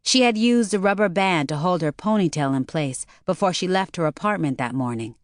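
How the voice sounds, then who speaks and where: A woman's voice: on the low side, fairly quick, no room sound. Woman reading a novel aloud, dry and close. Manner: steady storytelling read. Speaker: audiobook narrator. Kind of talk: scripted narration.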